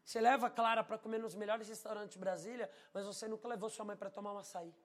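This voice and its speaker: A man preaching a sermon, telling a personal testimony and swinging from hushed tones to shouting. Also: high voice, fairly even intonation, quick pace.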